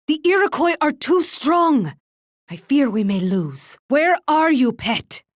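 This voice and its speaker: A woman's voice: high-pitched, dry recording, studio quality. An actress playing an imperious, cruel Spanish warrior queen in a video game, commanding, condescending and taunting. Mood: angry, urgent. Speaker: video game character voice actor. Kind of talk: theatrical video game voice lines.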